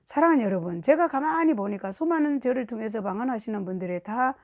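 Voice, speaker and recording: A woman preaching a sermon, telling a lively testimony and acting out the dialogue of the people in her story. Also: fairly high pitch, fast talker.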